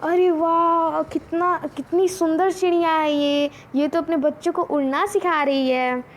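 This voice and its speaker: Teacher doing a forgetful little boy from a storybook, bright and excitable. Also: extremely high pitch, unhurried, pitched above the performer's own voice. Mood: delighted. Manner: excited, childlike exclamations.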